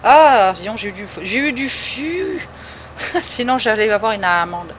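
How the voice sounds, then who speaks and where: A woman from Paris, France, with a Parisian French accent livestreams gameplay, giving casual commentary. She's chatty, answers viewers in the chat, and laughs often. Her voice is a little high and very animated, a little slow, with a noisy background.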